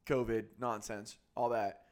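A man hosting a podcast, chatting casually about cars, self-deprecating and quick to laugh. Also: fairly low pitch, clear, resonant tone. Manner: self-deprecating, laughs often, animated asides. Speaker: podcast host. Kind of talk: casual car chat.

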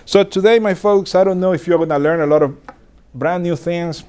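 A man's voice: high-pitched, fairly quick, clean tone. A man in his forties from the Dominican Republic, giving an informal talk to pastors with frequent restarts and light laughter. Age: 40s. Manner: warm, self-deprecating, laughs often, frequent restarts. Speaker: pastor speaking to church leaders.

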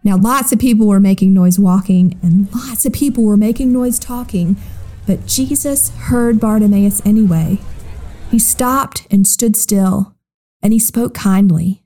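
A woman in her thirties hosting a children's podcast, gently narrating a Bible story and speaking directly to young listeners. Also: medium pitch, a little slow.

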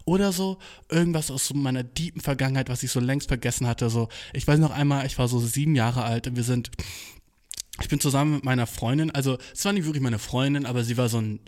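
A man's voice: medium pitch, fast, a little mellow. A young man doing a casual solo podcast, talking in heavy slang laced with English swearing, recorded on a cheap smartphone in a makeshift home studio. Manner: slangy, full of English swearing, "Bro" and "Dude".

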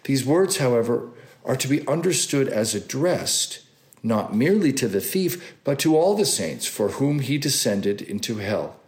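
Slow, expressive man giving a religious reading. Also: mid-range voice. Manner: deliberate, solemn. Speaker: scripture and homily reader.

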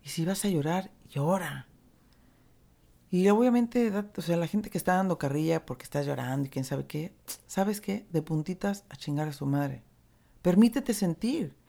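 A woman with a Mexican accent giving a reflective motivational talk on recovery, candid and earthy, mixing gentle encouragement with casual swearing. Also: fairly low pitch, animated, moderate pace, creaky. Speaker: recovery speaker.

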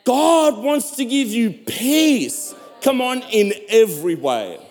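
A man's voice: extremely high pitch, sing-song, slow pace, a little mellow. A man from South Africa preaching a sermon as pastor, emphatic, repeating and stretching key words and urging his listeners on. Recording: long hall reverb.

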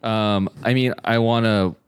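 A man's voice: lowish voice, steady tone, unhurried, clean tone, dry recording, clean studio sound. A man playing a tabletop game, describing his character's thoughts in a hesitant, filler-heavy way. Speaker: player. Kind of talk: in-character roleplay chat.

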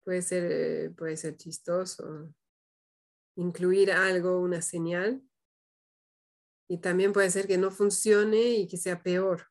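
A woman leading a parenting practice group, speaking calmly and thoughtfully with frequent questioning tags. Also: on the low side, slow pace. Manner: calm, thoughtful, many "¿no?" tags. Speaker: group facilitator. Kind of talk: reflective group discussion.

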